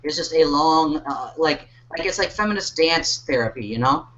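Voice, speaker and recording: A man in a casual group voice chat, joking deadpan and provocative. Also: on the high side, normal speed. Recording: muffled voice chat audio.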